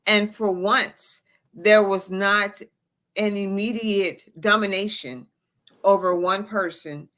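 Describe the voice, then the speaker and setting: Female co-host, mid-pitched, unhurried, careful and formal. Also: fairly even intonation, a bit bright. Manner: measured, formal phrasing. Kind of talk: casual talk show chat.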